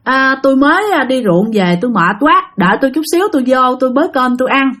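A woman's voice: high voice, animated, fast, fairly bright tone. Woman doing a tired old village exorcist. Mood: weary.

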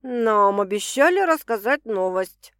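A woman voicing a measured, cautious young woman with an ironic edge, in a dry recording. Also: medium pitch, sing-song, no echo.

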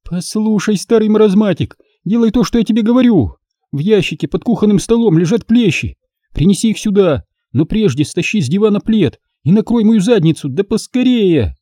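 A man's voice: high voice, expressive, a little fast, dark tone, dry recording, clean studio sound, voice pushed up. A male reader voicing a furious, bossy young woman in pain who scolds and gives orders sharply. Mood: scolding.

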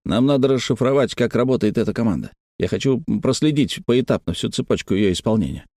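A man voicing a gruff, irritable male engineer who speaks bluntly and grumbles, in a read-aloud story. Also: medium pitch, expressive, fast talker, warm tone, no room sound, clean studio sound, natural voice. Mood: grim, blunt.

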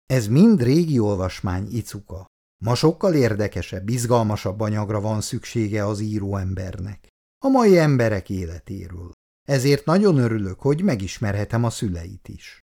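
A man's voice: on the low side, big pitch swings, creaky, exaggerated voice. Man voicing a polite, worldly writer. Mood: earnest. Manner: polite, gently persuasive. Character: courteous, worldly male writer, middle-aged. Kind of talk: read-aloud story dialogue.

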